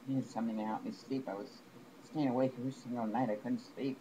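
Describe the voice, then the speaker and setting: A man telling a long personal complaint to the camera, rambling and aggrieved, with halting restarts. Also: mid-range voice, steady tone. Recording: noisy home recording.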